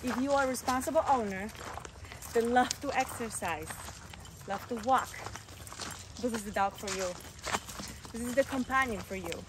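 On a wooded trail, a middle-aged dog-owning vlogger earnestly explains dog care in a casual video, her phrasing non-native. She speaks at a moderate pace in a fairly high voice, leaving long pauses. The noisy sound comes from a camera another person holds a few steps off.

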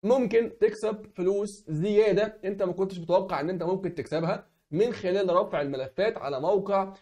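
A young Egyptian man presents a screen-recorded website tutorial as its online host, talking fast in a high-pitched voice with a dark tone. His Egyptian Arabic accent comes through, his voice is hoarse from a cold, and he keeps asking the viewer "okay?"

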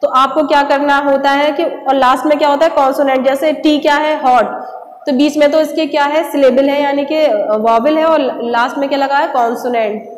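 A woman's voice: high-pitched, fairly even intonation, slight background noise. A woman teaching an English grammar lesson to children, patiently asking and answering her own questions. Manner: repeats rhetorical questions, slow and patient. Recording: echoey room with long reverb.

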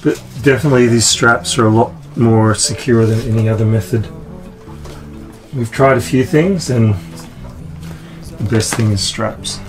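Over music, a man in his fifties explains a repair step by step while working on the deck of a sailboat at anchor. His medium-pitched voice keeps a measured pace with frequent pauses, and the camera mic picks up outdoor wind and ambient noise.

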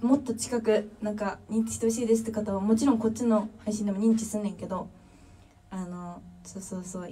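A woman's voice: fairly high pitch, warm tone, a little hiss or hum. Chatty young Kansai woman, distant mic. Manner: chatty and friendly, thanking viewers one by one. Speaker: drummer livestreamer. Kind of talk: casual livestream chat reading comments.

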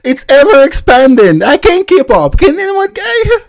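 Hosting a reaction video into a desk microphone, a man mocks what he's watching, laughing often, exclaiming and ranting. His voice sits extremely high, with wildly swooping pitch, at a moderate pace.

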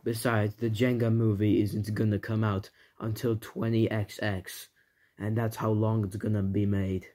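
A man's voice: lowish voice, little pitch movement, a little slow, mellow, lightly acted. A young man voicing a dim, eager robot henchman who rambles on in a homemade comedy skit. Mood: rambling.

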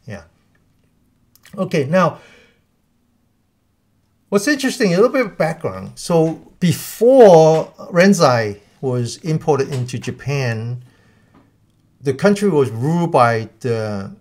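Male guest teacher, mid-pitched, halting delivery full of restarts. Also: lively intonation, a little mellow. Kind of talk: live Q&A explanation.

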